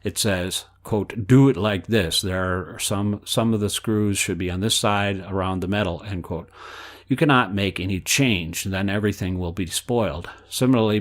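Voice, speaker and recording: Here a man voices an elderly, patient, instructive spiritual teacher, reading measuredly from a book and saying the quote marks out loud. His slightly low voice stays close to how he'd normally talk.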